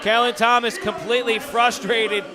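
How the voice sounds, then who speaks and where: A man's voice: very high voice, flat delivery, moderate pace. A man working as a wrestling commentator, calling the action live in emphatic, formal, dramatic phrases. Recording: loud venue crowd behind. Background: live crowd.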